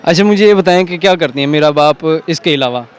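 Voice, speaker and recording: High-voiced joking male street interviewer. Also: a faint crowd. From Pakistan. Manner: joking, quick follow-up questions. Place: outdoors on a city street.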